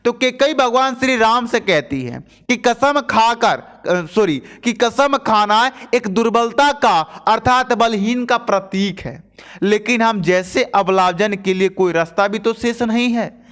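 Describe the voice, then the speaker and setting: A man's voice: high-pitched, lively intonation, unhurried, a bit bright, clear, resonant tone. A young man teaching an exam-prep lesson, explaining Hindi poems in a chatty way and checking in with his students. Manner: chatty, addresses students as bhaiya, repeats "theek hai" often.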